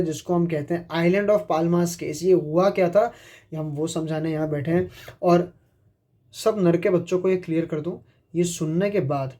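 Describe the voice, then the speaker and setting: A man's voice: high-pitched, warm tone. A man giving a casual exam-prep law lecture, blunt and slangy, calling his students brothers and mixing in English legal terms. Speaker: law tutor.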